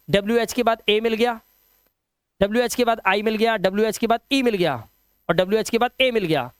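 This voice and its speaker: A man teaching English phonics in Hindi, sounding out words slowly and asking "theek hai?" after each step. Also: high-pitched, a bit bright, smooth, no room sound. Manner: drills words slowly, asks 'ठीक है?' often. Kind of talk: phonics lesson.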